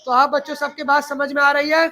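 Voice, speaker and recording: A man's voice: very high-pitched, little pitch movement, fairly quick, sharp tone. A male teacher explaining Arabic letters to a class of children, often asking them questions and repeating key points.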